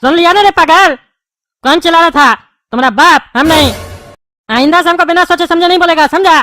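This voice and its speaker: Woman doing a bald cartoon neta guy, bossy and mocking, high bright voice, dry close sound. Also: brisk, no room sound. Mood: taunting. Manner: scolding, taunting, name-calling. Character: bald male neighborhood politician, quarrelsome and mocking. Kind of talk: cartoon dubbing.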